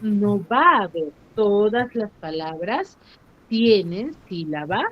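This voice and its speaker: Slow, patient woman teacher quizzing pupils. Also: mid-range voice, lively intonation. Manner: quizzing, stretching out syllables for emphasis. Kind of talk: online class lesson. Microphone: computer mic on a video call. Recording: slightly muffled online call audio.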